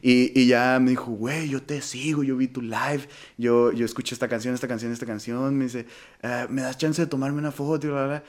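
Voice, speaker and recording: A young Mexican man chatting as a guest musician, his voice sitting at an everyday middle pitch. He tells stories in a loose, slangy way. He drops into the voices of the people he quotes as he goes. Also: brisk. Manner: animated storytelling with slang. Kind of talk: casual conversation.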